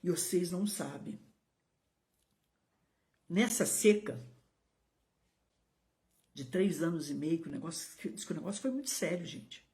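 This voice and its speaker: A middle-aged woman pastor with a Brazilian Portuguese accent preaches on a live stream. Her voice sits a little low, but it jumps sharply upward on emphatic words, and she keeps calling out to her viewers by name. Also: a little slow, long pauses, dark tone. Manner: emphatic, rising to high exclamations and addressing viewers by name.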